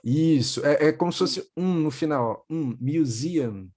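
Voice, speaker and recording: A young man with a Brazilian accent teaching English to children in a video call, patiently repeating words slowly. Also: on the high side, a little mellow. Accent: Brazilian Portuguese. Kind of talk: online class for children.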